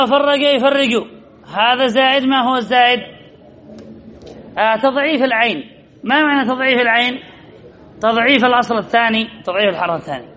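A man teaching a class, asking quick questions and answering them himself while repeating key points. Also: extremely high pitch, bright, forceful tone. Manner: quizzes listeners and answers his own questions. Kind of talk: classroom lesson.

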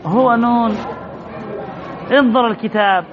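A man's voice: very high voice, measured pace, dull audio, a faint crowd. A man teaching an Arabic grammar lesson, stressing and repeating key points and quizzing his students as he goes. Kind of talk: classroom lesson.

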